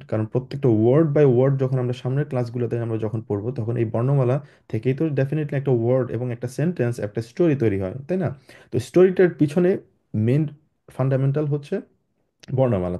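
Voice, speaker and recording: A young man whose first language is Bengali, teaching German on a video call. He talks hesitantly with many fillers and restarts, and spells out letters slowly. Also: medium pitch, mellow. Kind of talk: online class lecture. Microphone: computer mic on a video call.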